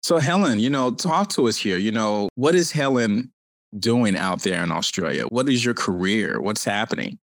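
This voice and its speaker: A man's voice: lowish voice, expressive, normal speed, creaky, no room sound. A man hosting a podcast interview, effusive and given to repeating his phrases. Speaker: podcast host.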